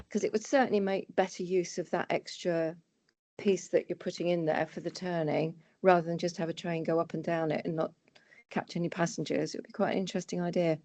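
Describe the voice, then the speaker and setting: A woman talks casually at a meeting. Her voice sits a little low, and she comes across as chatty and wry. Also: a little mellow. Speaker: meeting attendee giving feedback.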